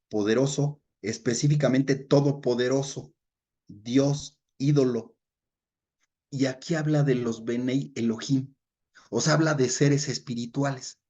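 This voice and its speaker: A man teaching a Bible study, reading verses aloud and explaining them, who often checks in with his listeners and fills pauses with short murmurs. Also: medium pitch, mellow, lo-fi sound.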